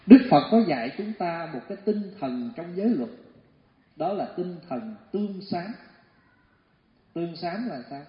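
A male Buddhist teacher gives a dharma talk, animated and full of acted-out stories. His voice sits a little high. The recording is dull and lo-fi, with long hall reverb and faint ambient noise. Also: measured pace, pauses often. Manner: storytelling, animated, acts out voices.

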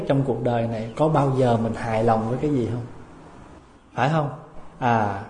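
Male monk, mid-pitched, preaching with anecdotes and rhetorical questions, in an echoey temple hall with long reverb. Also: warm tone. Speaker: Buddhist monk. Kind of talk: dharma talk.

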